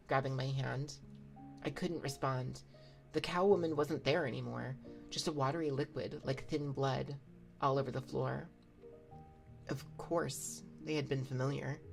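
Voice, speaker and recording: A woman streamer reading a story aloud in a gentle, hushed, soft-spoken ASMR style. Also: a bass voice, gravelly.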